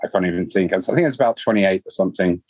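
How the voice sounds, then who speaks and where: This forties-something Londoner, a guitarist, has a deep voice and talks very fast with no echo around him. He's chatting casually in an interview, relaxed and rambling, with lots of filler words in his London English.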